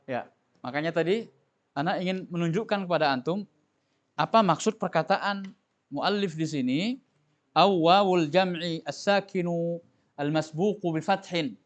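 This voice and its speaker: A man's voice: on the high side, unhurried, long pauses. A male teacher giving a tajwid lesson to a class, explaining patiently, asking questions and having students repeat after him. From Indonesia. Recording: dull lo-fi recording.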